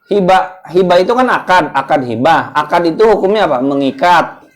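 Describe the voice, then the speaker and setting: A man's voice: a little high, lively intonation, normal speed, slight background noise. Male religious teacher, casual and conversational, leads a home study session by quizzing the group. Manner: conversational, quizzes the listeners with questions. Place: indoors at a home gathering.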